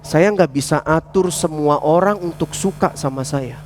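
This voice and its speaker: A man preaching a sermon to a church congregation, animated and often calling for agreement from the crowd. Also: on the high side, normal speed, noisy background. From Indonesia. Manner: animated preaching, rising loud on points, softening for prayers. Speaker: pastor. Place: church hall.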